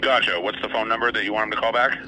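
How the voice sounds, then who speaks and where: A man working as a car sales clerk, heard over a phone speaker, brisk and polite. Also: fairly low pitch, fairly even intonation. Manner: brisk, polite customer service. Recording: distant noisy phone speaker.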